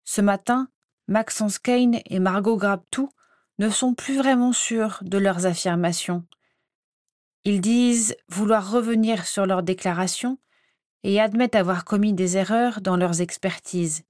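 A man's voice: high voice, measured pace, darkish tone, dry recording, clean studio sound. A woman voicing a nervous young male ministry assistant who speaks hesitantly and apologetically. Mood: anxious.

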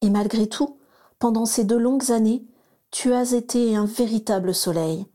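A woman voicing a cheerful, affectionate mother who gently coaxes her children in a storybook reading. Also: a little high, moderate pace, lightly acted. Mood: tender.

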